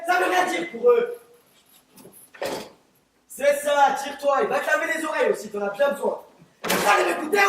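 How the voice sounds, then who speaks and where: A crude, bigoted juror who rants at everyone , acted by a teenage boy on a school stage. The voice sits very high for a man. It rings through an echoing theatre, heard from far back in the hall. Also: noisy background. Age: teens. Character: bigoted, hot-headed male juror. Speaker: student actor. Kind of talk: amateur stage play. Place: theatre stage, live performance. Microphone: distant room mic.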